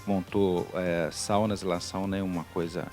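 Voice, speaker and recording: A man's voice: low-pitched, flat delivery, a little slow, a little mellow, faint music behind. A middle-aged Brazilian man, a teacher, speaking as a guest in a TV interview, hesitant with many fillers and restarts. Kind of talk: TV studio interview.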